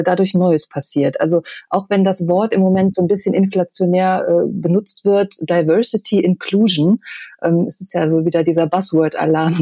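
A woman's voice: fairly low pitch, warm tone, husky, dry recording. A woman from Düsseldorf, chatting as a podcast guest, laughing often and using many fillers. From Germany, Düsseldorf. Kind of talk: casual podcast chat.

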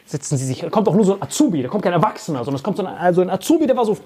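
A man spins a profane story in casual podcast chat, often breaking into mocking impressions. His pitch swings widely as he talks. His voice has a slight husk to it. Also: very animated, dark tone, husky. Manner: fast bursts, often laughing.

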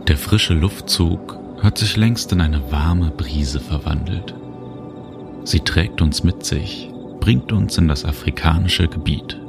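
A man narrating a guided relaxation journey, speaking slowly and soothingly. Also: sits low, creaky. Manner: slow, calm, soothing. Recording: music bed under voice. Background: music and cricket sounds.

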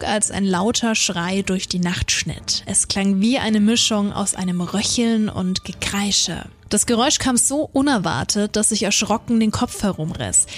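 A woman podcast co-host reading a creepy first-person story aloud in a measured, suspenseful way. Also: mid-range voice.

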